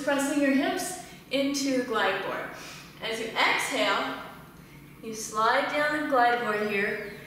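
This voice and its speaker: A woman in her thirties leads a home exercise lesson, calmly cueing each breath and movement. Her voice is bright and fairly high. She is recorded from a distance, so the tiled room echoes around her with a long tail. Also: slight background noise. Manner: calm step-by-step cueing of breath and form. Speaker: fitness instructor. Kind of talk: instructional exercise demonstration.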